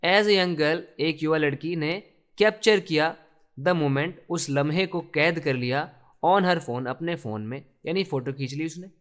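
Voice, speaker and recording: A man teaching English from a newspaper, reading each phrase slowly and explaining it in Hindi. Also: fairly high pitch, fairly bright tone. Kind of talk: explaining a newspaper text line by line.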